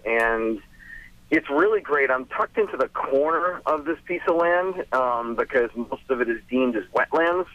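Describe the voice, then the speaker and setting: A man's voice: medium pitch, lively intonation, normal speed, dry recording. A man calling into a talk show on a speakerphone from his truck, rambling a bit and trailing off with "et cetera". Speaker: caller. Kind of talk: call-in question. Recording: muffled, dry speakerphone line.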